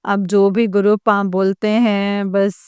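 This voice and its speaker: A woman speaking to a congregation, sharing her devotional experiences in a slow, halting way with many pauses and fillers. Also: medium pitch, level tone, smooth, no echo. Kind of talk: devotional testimony talk.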